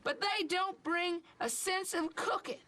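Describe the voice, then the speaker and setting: A woman's voice: very high voice, measured pace, bright, forceful tone, slight background noise, exaggerated voice. A woman playing a chirpy folksy pundit. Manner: chirpy, folksy, self-assured. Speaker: panel guest.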